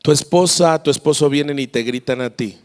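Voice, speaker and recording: A man with a Mexican Spanish accent preaches a lively, storytelling sermon and acts out voices as he goes. His voice sits fairly high. A long reverb trails behind it in a church hall. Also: a little fast, clean tone. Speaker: pastor.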